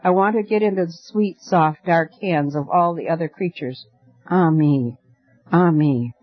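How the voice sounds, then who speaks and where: A man's voice: a little high, unhurried. A man reading a storybook aloud and voicing a frightened young girl who pleads in fear of the light. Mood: frightened pleading. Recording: dry, dull lo-fi recording.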